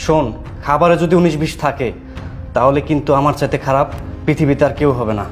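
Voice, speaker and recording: A man's voice: on the high side, quick pace, lightly acted. A man in a short drama playing a domineering husband who bullies and scolds his wife. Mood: angry. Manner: harsh, bullying, scolding. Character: cruel, domineering young husband. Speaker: abusive husband. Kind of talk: short-film acting. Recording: roomy, with loud music.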